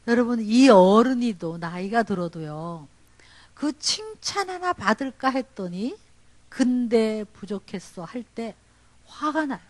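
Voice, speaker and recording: Lively middle-aged woman pastor preaching. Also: a little high, takes it slowly, long pauses, dry recording. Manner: animated, acting out dialogue in her stories. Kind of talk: storytelling sermon. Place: church service.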